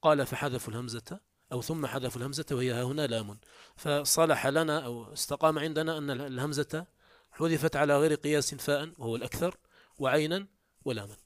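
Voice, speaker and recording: Guy teaching old arabic grammar, reads the text then breaks it down, kinda high voice, dry sound. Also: fast talker, no echo. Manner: reads quoted text aloud, then explains it step by step; pitch jumps up when introducing quotes. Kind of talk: classical text commentary lesson.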